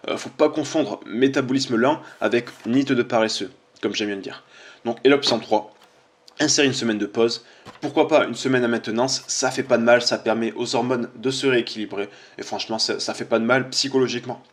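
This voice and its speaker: A man's voice: mid-range voice, fairly quick. A man, a fitness coach giving casual, chatty commentary on social media posts, informal and full of fillers.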